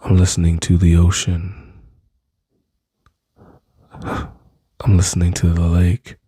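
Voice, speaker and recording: A man speaking slowly and intimately into a close mic, soothing and reassuring, often dropping to a whisper. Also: sits low, monotone, warm tone, husky, dry recording. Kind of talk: soft-spoken ASMR comfort roleplay.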